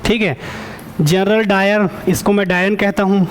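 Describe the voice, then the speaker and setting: A male teacher whose voice sits high, with fairly even intonation, runs an online exam-prep lecture. He quizzes the students again and again for answers, frequently checks in with a quick "okay," and corrects himself as he goes.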